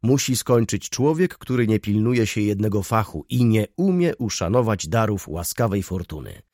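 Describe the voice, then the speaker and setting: A man voicing a pompous male shopkeeper who delivers emphatic moral pronouncements, with a husky voice. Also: fairly low pitch, lively intonation, normal speed, darkish tone, no room sound, clean studio sound. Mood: sententious.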